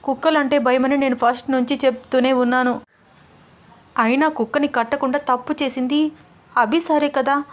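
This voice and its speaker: A nervous young heroine of an audio love story, as a woman narrator puts her on, her voice lifted high and plaintive. She frets and grumbles to herself, quick to take fright. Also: steady tone, close to an everyday voice. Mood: worried.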